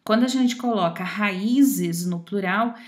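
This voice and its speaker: A woman's voice: mid-range voice, slow. Woman teaching grammar, checking in often. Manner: frequent checking tags, explains step by step. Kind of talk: grammar lesson.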